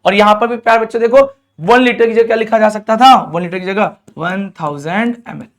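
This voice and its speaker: A male teacher giving a lively classroom lecture, coaxing students with frequent questions and stretching out key terms slowly. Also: sits high.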